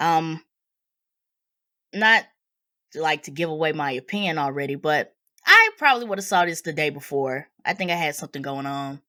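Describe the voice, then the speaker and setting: Low-pitched woman hosting a casual podcast. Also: lively intonation, moderate pace, pauses often, bright, forceful tone, dry recording, studio quality. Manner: informal, slangy, conversational. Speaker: podcast host. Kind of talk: casual movie review podcast.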